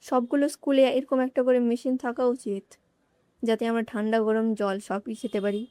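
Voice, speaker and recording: A woman's voice: on the high side, flat delivery, normal speed, warm tone, no room sound. A woman, chatting casually to viewers in a vlog as she walks around her coaching centre holding a phone. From North Bengal, India. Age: late teens. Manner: chatty, talks straight to viewers, grumbles and jokes. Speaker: student vlogger.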